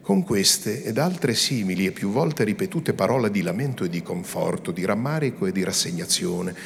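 A man, an actor, reading a novel aloud in a measured, dramatic style that often drops to a hush. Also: on the low side, expressive, vocal fry. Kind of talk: theatrical literary reading.

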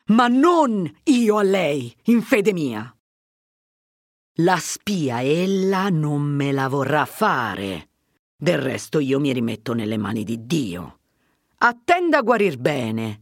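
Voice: medium pitch, big pitch swings, slow, dry recording, studio quality. A reader voicing a resolute, earnest young man speaking firmly to an old priest and a mother. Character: determined young man returning home.

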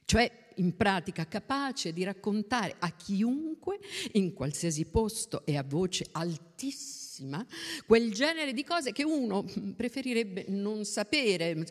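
A reader narrating a novel in an expressive, unhurried manner. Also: medium pitch. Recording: long reverb.

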